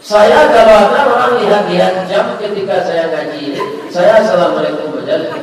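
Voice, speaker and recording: A man preaching a sermon to a mosque gathering with a Minangkabau-tinged Indonesian accent, telling a story with humor and dropping softly into the prayers of the people in it. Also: high-pitched, moderate pace. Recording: echoey hall, distant mic, faint noise.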